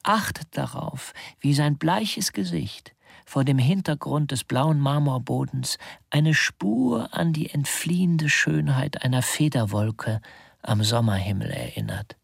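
A man with a gravelly, husky voice reads a literary narration slowly and deliberately, often sinking into a hushed whisper. The recording is dry and close, with no room sound at all. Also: mid-range voice, lively intonation, dry recording. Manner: slow, deliberate, dropping to whispers.

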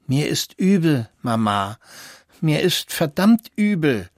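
A desperate, whimpering little boy in a storybook reading, voiced by a man. He whines in a raised, higher voice, recorded dry and close. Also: big pitch swings, takes it slowly, no echo. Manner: whining, cursing in despair.

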